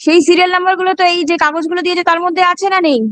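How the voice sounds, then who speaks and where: A woman's voice: very high voice, level tone, very fast, fairly bright tone, dry recording. A woman with a Bengali Indian accent questioning someone as a judge in court, probing and repeating her questions pointedly.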